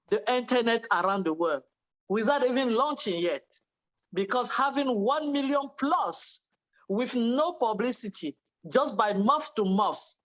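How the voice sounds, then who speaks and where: A woman's voice: a little high, poor audio. A woman from Cameroon speaking fervently on a video call, thanking and urging others to join. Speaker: webinar participant. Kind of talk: testimonial speech.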